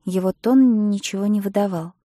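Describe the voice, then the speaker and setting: A woman reading an audiobook in the first person, expressive, moving between hushed and loud passages, close to the mic. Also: medium pitch, moderate pace, no echo. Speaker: audiobook narrator. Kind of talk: scripted narration.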